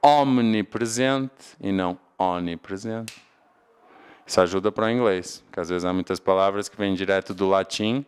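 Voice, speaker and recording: With a European Portuguese accent, a man from Portugal gives a classroom lecture on English grammar, answering the questions he poses. He speaks at a normal speed in a low, smooth voice.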